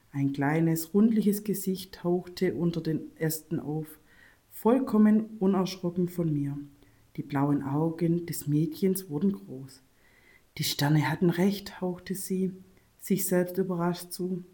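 A woman narrating a story in the first person, in a calm, hushed way. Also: sits low.

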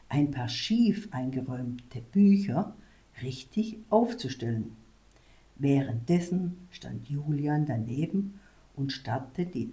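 A woman reading a children's story aloud in a soft, measured way. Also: sits low. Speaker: reader.

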